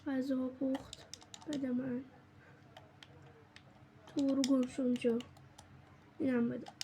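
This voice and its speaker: Excitable high-voiced young woman gamer. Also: a little hiss or hum. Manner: excitable, jokey, often cries out and laughs. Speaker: gaming streamer. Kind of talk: casual let's-play commentary.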